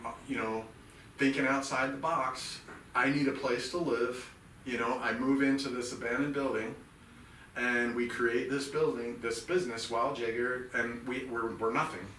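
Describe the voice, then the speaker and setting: Telling his story as a podcast guest, a middle-aged veteran who founded a nonprofit rambles earnestly. He speaks in a mid-range voice with a bright, forceful tone. The mic is distant in a roomy space, and there's slight background noise.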